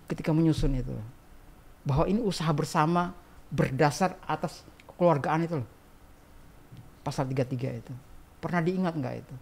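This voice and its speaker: A man guest on a casual podcast interview, explaining things in a chatty way and asking rhetorical questions. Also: on the high side. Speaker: guest archivist.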